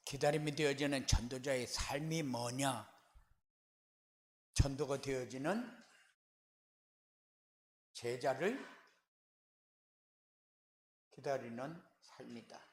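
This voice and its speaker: A man preaching a sermon as pastor, asking rhetorical questions and answering them with firm, repeated refrains, swelling louder on key words. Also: mid-range voice, slow pace, pauses often, roomy sound. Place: church sanctuary.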